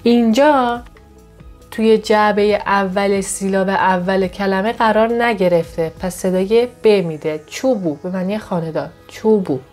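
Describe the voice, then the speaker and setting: Woman tutor walking through pronunciation rules, patient, repeats example words carefully, faint music behind. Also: mid-range voice. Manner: patient, explains with examples, pronounces model words slowly and brightly. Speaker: Korean language teacher. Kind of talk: step-by-step lesson narration.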